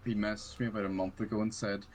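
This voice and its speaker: Hesitant young Irish man, low voice. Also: little pitch movement, fast talker, a little hiss or hum, rough recording. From Ireland. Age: young adult. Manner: hesitant, trailing off with fillers. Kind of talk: casual chat.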